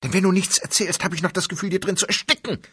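A frightened woman begs in a raised, strained voice, as a male audiobook reader puts her on. Her pleas come quick and pressing, the sound dry and close to the mic. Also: medium pitch, big pitch swings, gravelly, breathy edge, no room sound, voice pushed up, heavily acted. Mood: urgent pleading. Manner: urgent, pleading. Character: distraught pleading adult woman. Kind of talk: audiobook reading.

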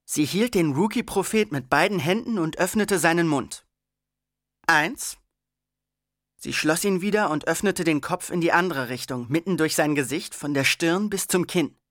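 An audiobook reader tells the story in a schoolboy's first person, wry and conversational. The voice sits at a middle pitch. The recording is dry and close, with no room echo. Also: normal speed.

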